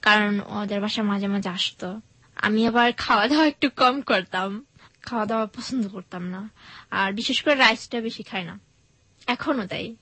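Soft-spoken young woman. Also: mid-range voice, moderate pace, slightly rough, no echo. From Bangladesh. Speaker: guest. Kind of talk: personal storytelling in an interview.

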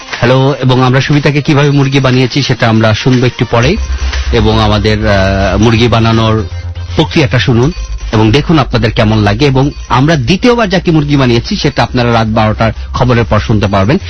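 A man hosting a radio prank call, giving instructions in a calm, measured way with small hesitations. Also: mid-range voice. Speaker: radio prank show host. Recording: dull lo-fi radio phone recording.

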